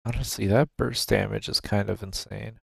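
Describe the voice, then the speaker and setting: A man's voice: on the low side, normal speed, gravelly, slightly rough, dry recording. A man streaming a game, casually thinking aloud about his moves at a desk microphone. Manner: relaxed, musing, thinking aloud. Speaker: gaming streamer. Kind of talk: casual gameplay commentary.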